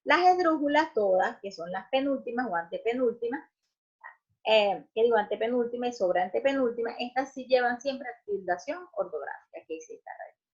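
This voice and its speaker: A woman teacher explaining grammar, checking in often with short questions and filling pauses with "este". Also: on the high side, lively intonation, breathy edge. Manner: explanatory, checks in with "¿ok?" and "¿verdad?", frequent restarts and "este" fillers. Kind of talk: recorded grammar lesson. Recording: muffled lo-fi recording.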